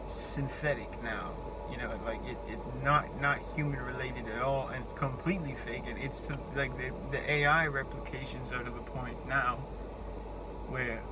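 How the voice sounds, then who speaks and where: A young man in his twenties speaks in a thin, squeaky voice, thinking aloud in an unscripted monologue. He is halting and rambling, often searching for the next word. There is clear background noise throughout the recording. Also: fairly even intonation. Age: 20s.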